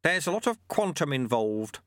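A man's voice: on the high side, very animated, moderate pace, a bit bright, no room sound, studio quality, voice pushed up. A man voicing an old, wry male monk who lectures in an offhand, chatty way.

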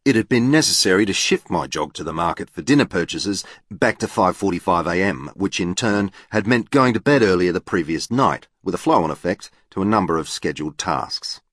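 Male audiobook narrator, very low voice, formal and deadpan first-person reading. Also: a little fast, few pauses, no room sound, clean studio sound.

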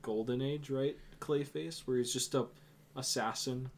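A young man co-hosting a casual podcast chat, rambling with lots of "um" and "yeah" and making deadpan jokes. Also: mid-range voice, a little slow, a little hiss or hum. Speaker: podcast co-host.

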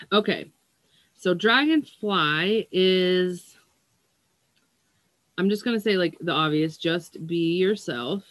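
A woman's voice: on the low side, lively intonation, slow, pauses often, fairly bright tone, no room sound. A woman healer giving a casual oracle card reading to her viewers, blunt and profane, yawning and sighing, stumbling over words as she reads the card text. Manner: blunt and profane, with frequent yawns and sighs.

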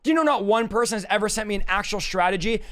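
A male preacher with a very high, raspy voice, strained and worn from overuse. He teaches informally to a livestream, pushing his points combatively and repeating them for emphasis. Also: rapid-fire, fairly bright tone. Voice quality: hoarse, raspy. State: voice worn out from yelling. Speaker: preacher and deliverance minister.

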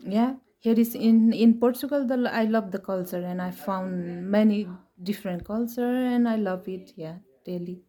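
A woman's voice: mid-range voice, moderate pace, hardly any pauses, mellow. A woman in her twenties from Nepal, an English speaker, answering interview questions hesitantly with many fillers and restarts. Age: 20s. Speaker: interview guest. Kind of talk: casual interview.

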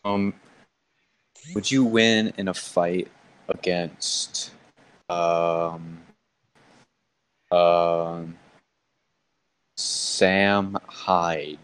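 A deep-voiced man riffs through improvised comedy banter in a goofy, rambling way, laughing often. He sits a little back from the mic, so his voice sounds distant. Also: fairly even intonation, extremely slow, long pauses, fairly bright tone, clean tone. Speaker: comedic interviewer.

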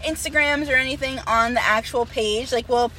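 A woman's voice: sits high, moderate pace, pushed and bright, far from the mic, slight background noise. Young woman telling stories. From Long Island, New York. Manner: storytelling, heavy use of "like". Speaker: podcast co-host. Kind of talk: casual chat.

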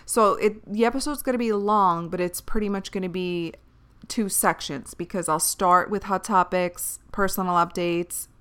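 A woman hosts a solo podcast in a bright, forward voice at a middling pitch. She talks casually and candidly, rambling from aside to aside as if to familiar listeners, and swears freely. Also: fairly even intonation, normal speed, smooth. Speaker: podcast host.

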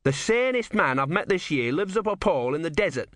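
A man's voice: a little high, lively intonation, a little fast, a bit bright, no echo, studio quality, voice pushed up. A man voicing a disillusioned young male priest with a sardonic, bitter manner.

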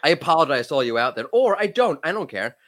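Here a man in his late thirties, an SEO expert guesting on a podcast, sounds very animated, his voice high and a bit bright. A cold makes it crack as he speaks emphatically and quickly in an easygoing discussion, often restarting mid-thought.

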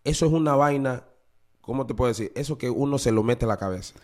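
A man's voice: medium pitch, quick pace, darkish tone. A man giving an earnest, confessional podcast testimony, often repeating his phrases. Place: New Orleans.

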